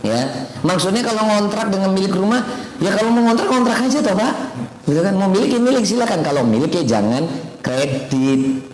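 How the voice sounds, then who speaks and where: A man's voice: high voice, expressive, fairly quick, a little mellow. A man giving an informal sermon to a study circle, chatty and often quizzing his listeners. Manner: chatty, keeps quizzing the audience. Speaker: ustadz teaching a weekly study circle. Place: home study gathering. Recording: echoey room, long reverb, faint noise.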